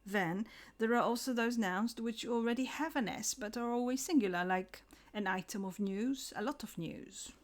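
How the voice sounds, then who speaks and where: A woman giving a scripted English lesson, slowing down to pronounce example words carefully. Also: fairly high pitch. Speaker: English teacher.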